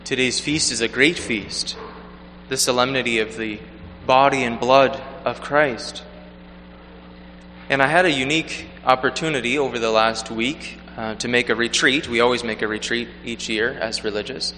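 A man speaking as a clergyman at Mass in a measured, deliberate way, his voice echoing through a large church. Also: medium pitch, fairly even intonation, sharp tone. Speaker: clergyman preparing for priesthood, preaching at Mass. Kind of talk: liturgical reading and reflective sermon. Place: large reverberant church interior. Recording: cathedral-like echo, long hall reverb, background noise.

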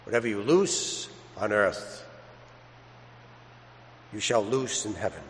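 Priest with a long cathedral echo. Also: male voice, on the low side, slow, slight background noise. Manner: conversational, uses everyday examples and acted-out asides. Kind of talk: gospel reading and homily. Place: large church. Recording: echoey church with long hall reverb.

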